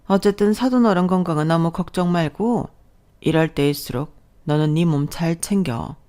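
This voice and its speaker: 여성이 연기하는 나이 든 시어머니가 며느리를 천천히 다독이며 말합니다. 아들 자랑이 묻어나는 푸근하고 느긋한 말투입니다. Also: female voice, on the low side, moderate pace, warm tone, close to an everyday voice. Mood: comforting. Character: older mother-in-law, warm and doting.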